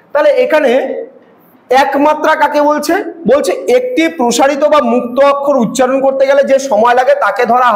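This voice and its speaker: A male teacher giving an online lecture, explaining slowly and repeating examples. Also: very high-pitched, reverberant, poor audio.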